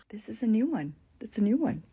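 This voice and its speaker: A woman in her thirties chatting casually to camera in an expressive, animated way. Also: high voice, a little hiss or hum. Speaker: flight attendant, comedy content creator.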